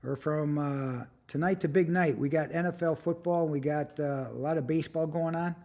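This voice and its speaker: A man in his seventies hosting a casual livestream, chatting with viewers and firing off quick questions. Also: on the high side, steady tone, darkish tone. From United States. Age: 70s. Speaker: livestream host.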